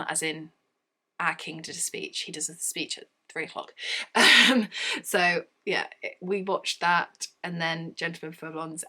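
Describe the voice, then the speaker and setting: Bright-voiced chatty woman. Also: lowish voice. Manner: chatty, rambling, self-correcting, laughs often. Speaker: book vlogger. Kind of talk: casual chat about books.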